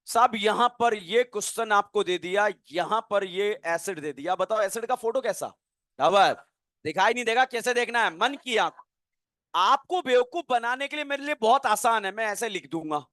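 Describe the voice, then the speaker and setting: A man teaching chemistry in a lively classroom lecture, playfully quizzing students with call-and-response questions. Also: sits high, no room sound, studio quality.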